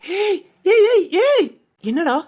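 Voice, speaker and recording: A woman doing a frantic, shrill young man. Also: lively intonation, moderate pace, background noise. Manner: frantic shouting. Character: injured panicky young man, excitable. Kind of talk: cartoon voice acting.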